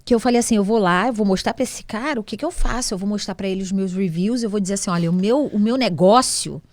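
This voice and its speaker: A woman's voice: mid-range voice, fast talker, dry recording. A woman from Brazil, a guest in an interview, telling a personal story with feeling, acting out conversations with many restarts. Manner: animated, acts out dialogue with many restarts. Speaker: guest, restaurant business owner.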